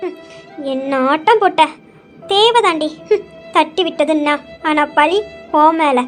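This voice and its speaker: A woman voicing a jealous, scheming young woman villain who talks in slow, low asides. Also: fairly bright tone, soft background music. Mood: gloating.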